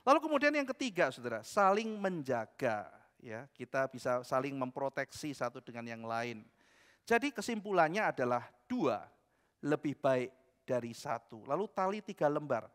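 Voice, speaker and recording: A male pastor preaching a sermon, a lively storyteller who keeps addressing his congregation. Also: medium pitch, moderate pace. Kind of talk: sermon with personal anecdotes. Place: church sanctuary. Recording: echoey church hall.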